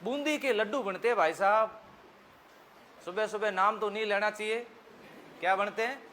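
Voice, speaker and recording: A high-voiced man with a Rajasthani accent teaching history for competitive exams. His bright, ringing tone carries homely jokes and quick questions that he answers himself. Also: slight background noise. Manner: folksy, joking, asks the class questions and answers them himself. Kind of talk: exam-prep history lesson.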